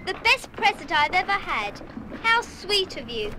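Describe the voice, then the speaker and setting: A woman's voice: very high voice, very animated, a little slow, background noise, heavily acted. An actress playing a shy, sweet schoolgirl of about eleven in a children's radio play, speaking earnestly. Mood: delighted, touched. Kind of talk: 1970s full-cast children's radio play acting.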